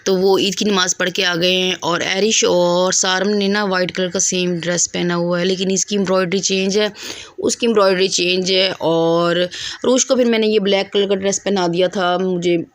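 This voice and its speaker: Hoarse young mom vlogging at home. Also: female voice, on the low side, fairly even intonation, moderate pace. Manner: chatty, affectionate, talks to camera. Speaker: mother vlogger. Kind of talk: casual home vlog narration. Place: family home indoors.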